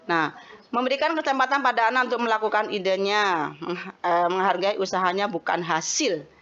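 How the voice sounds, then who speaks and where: A woman's voice: mid-range voice, moderate pace, a bit bright. Woman giving a parenting talk, lo-fi. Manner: explanatory, addresses mothers as Bun. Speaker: parenting speaker.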